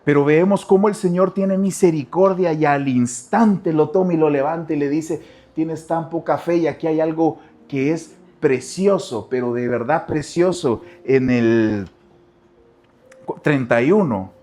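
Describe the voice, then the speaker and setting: Man preaching with dramatic swings. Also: unhurried. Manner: preaching with dramatic swings between soft low asides and loud cries; addresses the congregation directly, repeating phrases. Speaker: pastor. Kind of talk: sermon.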